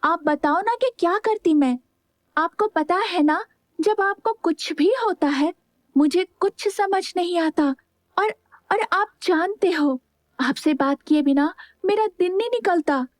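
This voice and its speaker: A woman's voice: very high-pitched, slow pace, no echo, studio quality, voice pushed up. A woman voicing a young wife who coaxes and pleads in a whiny, affectionate way. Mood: pleading.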